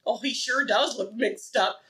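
Reading aloud to young children, a woman preschool teacher keeps them involved with encouraging, sing-song questions and pauses for them to respond. Her voice is on the high side with a fairly bright tone.

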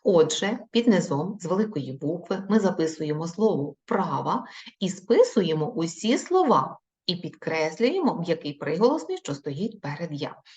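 A woman teaching young children in a recorded video lesson, speaking slowly in an encouraging, sing-song way. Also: lowish voice, sing-song, darkish tone. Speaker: primary school teacher. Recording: dull lo-fi recording.

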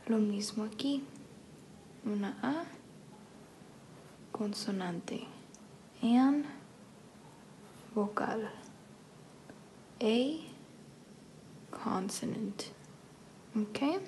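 A woman teaching an English grammar lesson, saying each sentence first in Spanish and then in English, in a soft-spoken, careful way. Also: a little high, very slow, long pauses, a little hiss or hum, poor audio.

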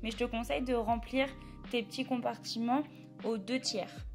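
A young woman talks the viewer through a recipe in a light, high voice. Her voice-over is chatty and direct. Quiet music plays beneath her. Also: fairly even intonation, moderate pace. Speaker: cooking vlogger. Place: home kitchen.

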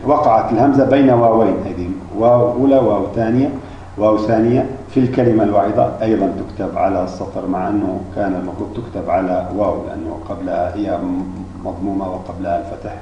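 A man's voice: fairly low pitch, steady tone, a little hiss or hum. A man teaching Arabic spelling rules, explaining step by step with frequent restarts and hesitations. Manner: halting, many restarts and fillers. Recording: distant mic, echoey room, dull lo-fi.

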